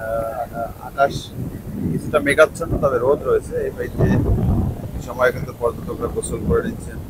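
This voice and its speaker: A man with a Bangladeshi accent gives live on-location commentary as a reporter, speaking in halting, repetitive short bursts outdoors on a beach. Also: medium pitch. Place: outdoors on a windy sea beach. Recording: very loud wind and waves on mic. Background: wind, surf noise.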